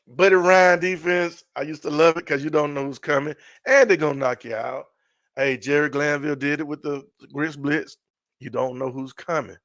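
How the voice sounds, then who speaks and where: A middle-aged man hosting a casual live sports stream, excitable and repetitive, often trailing off mid-sentence. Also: fairly high pitch, normal speed, no echo, clean studio sound. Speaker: sports show host.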